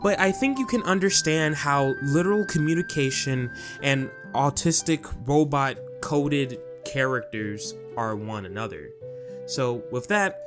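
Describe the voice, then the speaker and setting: A man's voice: mid-range voice, expressive, unhurried, over music. A man hosting a casual video essay, talking in a chatty, jokey, self-aware way.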